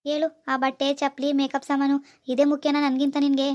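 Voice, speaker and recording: A poor, lovesick young village man in a cartoon, played by a woman. The voice is high and flat in melody, words tumbling out fast. He keeps pleading to be understood. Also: close to an everyday voice. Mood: hurt. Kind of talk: cartoon dialogue voice acting.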